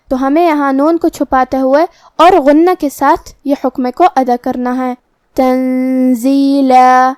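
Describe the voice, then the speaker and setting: A woman's voice: high-pitched, darkish tone, dry recording. A woman teaching Quran recitation, methodically explaining each letter and rule in turn. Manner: slow, drawn-out recitation when demonstrating verses. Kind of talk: step-by-step pronunciation lesson.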